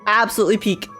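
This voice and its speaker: A woman live-streaming a game reaction in casual chat, chatty and excitable, repeating herself and laughing often, with a slightly stuffy nose from just waking up. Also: on the high side. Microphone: desk microphone with webcam.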